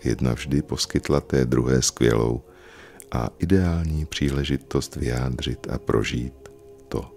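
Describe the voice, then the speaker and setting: A man voicing a kind, wise female soul who explains things calmly and gently in a storybook reading. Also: extremely low pitch, creaky. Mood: gentle. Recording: faint music behind.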